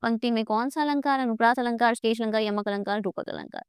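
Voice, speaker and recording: A woman's voice: on the high side, fast, smooth, no echo. A woman teaching an exam-prep grammar lesson on a close mic, coaxing her students and asking herself questions before answering them. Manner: addresses students as "beta".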